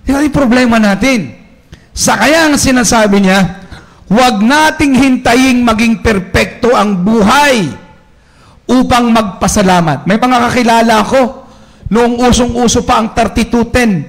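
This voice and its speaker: A man preaches a sermon at an unhurried pace, his voice sitting noticeably high for a man. He talks in a chatty, storytelling way, slipping into the voices of the people he quotes. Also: vocal fry. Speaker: priest.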